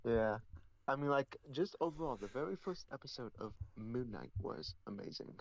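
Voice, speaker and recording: A man's voice: medium pitch, dull audio. A man co-hosting a casual show review, mostly chiming in with short, laid-back replies. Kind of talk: casual chat.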